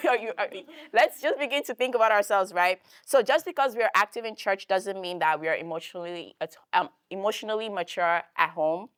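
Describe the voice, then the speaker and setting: A woman's voice: medium pitch, a little fast, few pauses, a bit bright, clean tone, no echo, clean studio sound. A young woman giving a casual church workshop talk, chatty, full of fillers and tag questions. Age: young adult.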